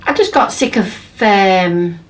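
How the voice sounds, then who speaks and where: A woman's voice: mid-range voice, lively intonation, slow pace, slight background noise. A woman in her fifties from England, telling her story bluntly and emphatically in a documentary interview. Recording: distant mic with faint background ambience.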